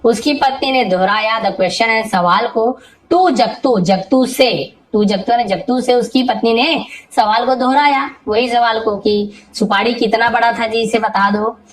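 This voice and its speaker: Female English tutor, higher-pitched, reads English phrases slowly then explains in Hindi. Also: low-quality recording. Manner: asks and answers her own questions. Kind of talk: Hindi-medium English reading lesson.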